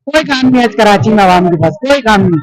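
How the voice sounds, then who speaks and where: A man's voice: high-pitched, animated, fast, crowd noise, rough recording. A man, chatting casually through a walking vlog at a livestock expo, repeating himself and joking with animals and passers-by. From Pakistan. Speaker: vlogger. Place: busy indoor livestock expo hall.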